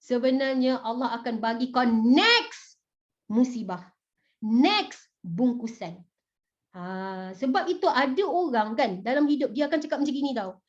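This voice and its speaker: High-voiced woman preaching. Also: measured pace. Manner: animated, chatty, asks the audience questions. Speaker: motivational speaker. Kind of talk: religious motivational talk to a live audience. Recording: dull, muffled recording.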